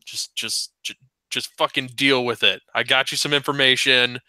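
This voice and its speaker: Male co-host, very bright and crisp, ranting and stammering, dry close sound. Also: mid-range voice, steady tone, normal speed, dry recording. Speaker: podcast co-host. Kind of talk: casual profane banter.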